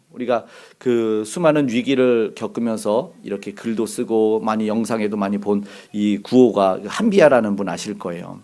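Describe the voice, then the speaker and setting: Animated high-voiced male pastor preaching. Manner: lively preaching, acts out quoted voices. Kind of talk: sermon.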